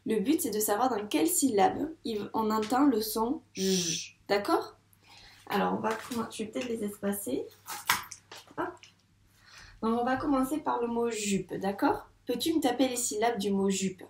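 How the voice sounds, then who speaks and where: A first-grade teacher takes a young child through a phonics lesson, patiently drawing each word out one syllable at a time at a slow pace. Her voice sits a little high, with a darkish tone and a faint hiss or hum, and the room gives off a spacious echo.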